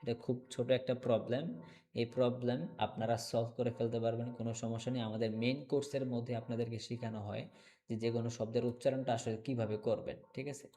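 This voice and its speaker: A man teaching English online, repeating words slowly and checking in often with his class. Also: mid-range voice, flat delivery, warm tone. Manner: slow, repetitive drilling of words, checks in with "okay?".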